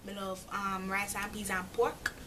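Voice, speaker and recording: A woman's voice: mid-range voice, level tone, unhurried, recorded from a distance, background noise. A young woman from Jamaica with a Jamaican accent, chatting casually to camera and slipping into dialect. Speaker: vlogger.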